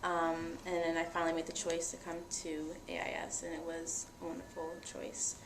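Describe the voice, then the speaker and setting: A young woman speaks at a moderate pace in a lowish monotone, thoughtfully and earnestly describing herself. She's the interviewee in a conversation built on personal testimony, recorded with echo and faint noise.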